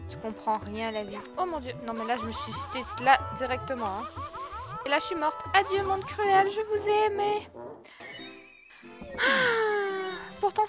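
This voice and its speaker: Game music is clearly audible beneath a young let's play gamer's commentary as she narrates her play in a high, bright voice. She gets excitable, yelping whenever things go wrong and telling off the character on screen.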